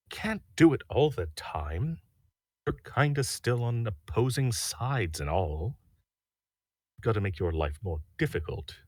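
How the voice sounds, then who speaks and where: A man plays a smug villain boyfriend in an ASMR roleplay, using a very low, husky, exaggerated voice. He teases in a dry, matter-of-fact way without ever raising his volume. The recording is dry, close and dead, with no sense of a room.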